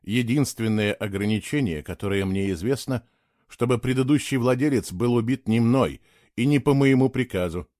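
A man voicing a gentle, doubtful man who speaks softly and hesitantly, in an audiobook. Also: medium pitch, moderate pace, no room sound, clean studio sound, lightly acted. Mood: subdued. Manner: soft, quiet, hesitant. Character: gentle, doubtful man, soft-spoken partner.

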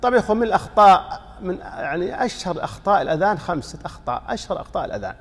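Male teacher, fast explanatory delivery that poses and answers its own questions, reverberant hall recording. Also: high-pitched, big pitch swings. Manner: explanatory, quizzing listeners with rhetorical questions; chants sample calls to prayer to demonstrate. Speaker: sheikh teaching a fiqh lesson. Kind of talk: classroom lesson explaining a text.

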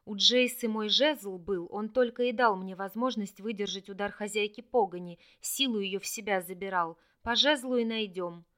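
A woman's voice: mid-range voice, moderate pace, hardly any pauses, fairly bright tone, close to an everyday voice. A woman voicing a curt, decisive young heroine in an audiobook.

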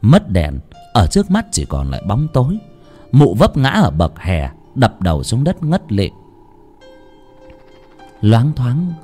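A man narrating a folk tale in an expressive way. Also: mid-range voice. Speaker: storyteller. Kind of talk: dramatic story narration.

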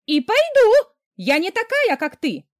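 A woman reading an audiobook, voicing the narrator's hysterical young sister with a shrill, yelling delivery. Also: very animated, moderate pace, no room sound, studio quality. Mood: defiant.

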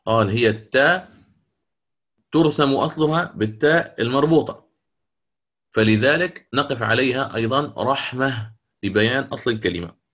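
A man's voice: medium pitch, a bit bright. Guy teaching quran reading rules, checks if everyone follows, stretches out the verses when he recites. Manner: explains slowly, recites verses in a drawn-out chant; checks in with listeners often. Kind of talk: online lecture on recitation rules.

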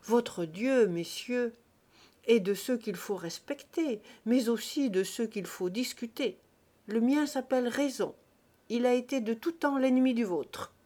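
Woman acting out a loud, overbearing anticlerical man. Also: a little high, measured pace. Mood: lecturing. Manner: loud, exclamatory and mocking.

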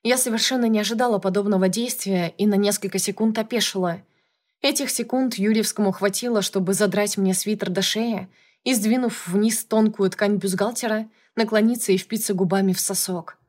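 A woman's voice: mid-range voice, steady tone, brisk, a little mellow. A woman reading a first-person audiobook in a wry, conversational storytelling manner. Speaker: audiobook narrator.

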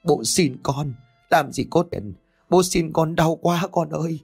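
A man's voice: medium pitch, animated, moderate pace, slightly rough, faint music behind. A man voicing a frail old father who begs and wails, his voice trembling. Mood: desperate pleading. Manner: trembling, begging.

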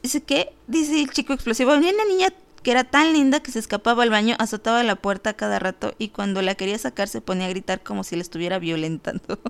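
A woman with a Mexican Spanish accent hosting a radio show, telling a story in a lively, casual way, acting out the voices she quotes and laughing often. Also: on the high side, quick pace, creaky, hardly any pauses, clean tone.

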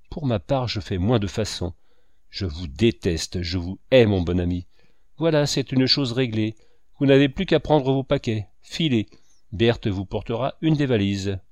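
A man voicing a proud, brutal male painter who mocks and shouts at his rival. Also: mid-range voice, no room sound, clean studio sound, natural voice. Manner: loud, mocking, shouting.

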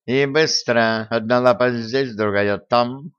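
A man's voice: mid-range voice, fairly even intonation, slow pace, a bit bright, smooth, no room sound. A man reading an audiobook voices a cheeky, bossy male tomcat with a brash, needling manner, on a dull lo-fi recording. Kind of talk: audiobook character voicing.

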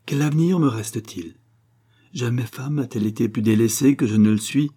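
Guy doing a hurt young widow, bitter and pleading, husky and mellow. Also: mid-range voice, brisk, lightly acted. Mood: bitter, wistful. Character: proud, wounded young aristocratic widow.

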